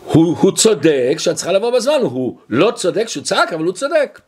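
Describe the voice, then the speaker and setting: A man's voice: sits high, very animated, slightly rough, full character voice. A man voicing a patient, kind husband who reasons with and reassures his wife while telling a story. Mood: insistent.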